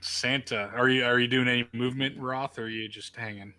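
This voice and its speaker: A man narrating and running a tabletop game as game master, relaxed and halting, often laughing. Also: mid-range voice.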